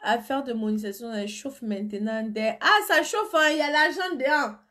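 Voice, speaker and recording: Speaking a little high with lively intonation, she sounds brisk, bright and forceful. The same flu-ridden beauty seller keeps up casual chat on her phone live stream, responding to comments and going blunt when she insists.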